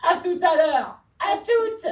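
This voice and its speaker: A woman's voice: extremely high pitch, expressive, exaggerated voice. A woman voicing a young male forest creature, funny but worried, who sighs and whimpers as he speaks. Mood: cheerful. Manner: whimpering, sighing, drawn-out. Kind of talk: live children's story theatre. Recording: roomy hall, distant mic.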